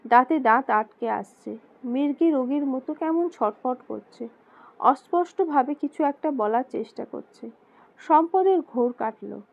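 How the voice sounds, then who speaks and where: A woman narrating a romantic drama story in a steady, dramatic storytelling manner. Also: sits high, vocal fry. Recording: slightly dull lo-fi recording.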